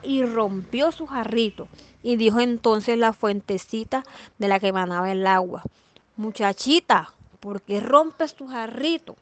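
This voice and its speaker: A woman reading a children's fairy tale aloud as a storyteller, expressive and rhythmic through the repeated chain lines. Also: on the high side.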